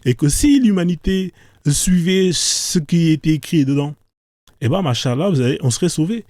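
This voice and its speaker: Mocking man with a mellow, dry voice. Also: fairly high pitch, animated, moderate pace, dry recording. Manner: mocking, rambling, full of "hein, euh" fillers. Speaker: live stream host. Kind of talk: sarcastic live stream monologue.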